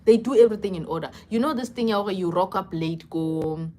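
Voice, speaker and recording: A woman's voice: medium pitch, brisk. South African woman in casual live chat. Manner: code-switching between English and South African languages; expressive, conversational. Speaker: livestreamer chatting with commenters.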